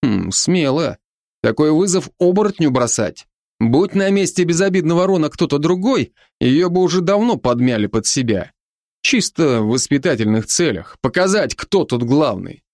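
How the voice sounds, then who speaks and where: A man narrating a science fiction story in the first person, expressive and wryly ironic. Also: fairly high pitch, normal speed, no room sound, studio quality. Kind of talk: audiobook narration.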